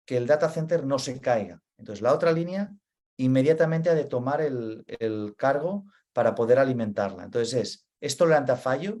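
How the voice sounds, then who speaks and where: This Spanish man, with a Spain Spanish accent and a mid-range, darkish voice, explains data center operations in a webinar. He's earnest, repeats his key points, and keeps checking in with "vale?"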